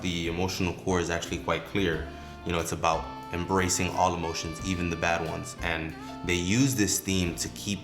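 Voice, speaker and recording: A man with a very low, level voice walks viewers through storytelling techniques in a loose, conversational tone, dropping fillers as he thinks. His voice bounces around an echoey room while music plays clearly underneath. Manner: relaxed, with frequent fillers like "you know" and "um". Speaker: creative director and video host. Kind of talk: casual explanatory talk.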